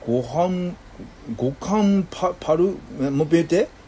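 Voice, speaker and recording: A man talking casually and teasing playfully. His voice is mellow and relaxed, with a lively, animated pitch, and there is faint noise in the background. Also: moderate pace. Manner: teasing, playful, slips into Kansai dialect. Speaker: user chatting with an AI. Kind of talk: casual chat.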